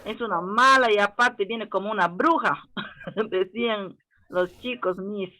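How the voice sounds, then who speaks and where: A woman's voice: mid-range voice, a little slow, sharp tone. A woman student sharing her contribution in class, hesitant and polite. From Peru.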